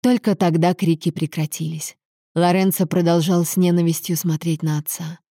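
A woman reading a novel aloud as a narrator, with even, measured storytelling. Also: lowish voice, no room sound, studio quality. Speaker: audiobook narrator. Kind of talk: scripted narration.

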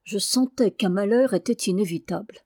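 Woman reading an old novel out loud, steady and expressive, mid pitch, dry close sound. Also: normal speed, breathy edge, no room sound. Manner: steady, expressive literary narration. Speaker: audiobook reader. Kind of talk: reading a classic novel aloud.

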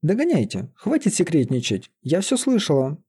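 Shrill hot-tempered young woman, as a man puts her on. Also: wildly swooping pitch, normal speed, dark tone, slightly rough, full character voice. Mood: teasing. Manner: shrill, hysterical.

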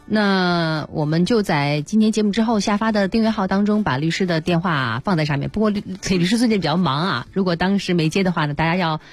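A woman's voice: lowish voice, fast talker, hardly any pauses, no echo, faint music behind. A woman hosting a radio programme in a conversational style.

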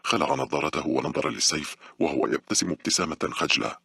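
A man narrating a horror audiobook in a steady, brisk storytelling manner. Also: extremely low pitch, vocal fry, slightly rough, dry recording, clean studio sound.

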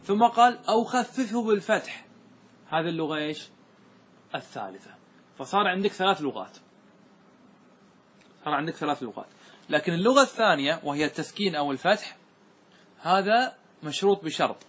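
A man's voice: fairly high pitch, sing-song, fairly quick, pauses often, a bit bright, slightly rough. A man teaching Arabic grammar to a class, explaining a verse text, reciting lines and often checking that his students follow. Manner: keeps checking students follow, asks them questions; repeats examples and recites verses in a raised voice.

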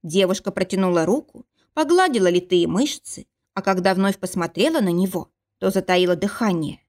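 A woman reading a fantasy romance audiobook in a measured, even narration. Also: medium pitch. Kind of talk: scripted narration.

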